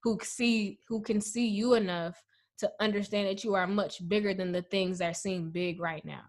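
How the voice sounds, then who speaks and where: A woman's voice: mid-range voice, fairly even intonation, normal speed. A woman speaking emphatically and passionately as a podcast guest. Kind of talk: casual conversation.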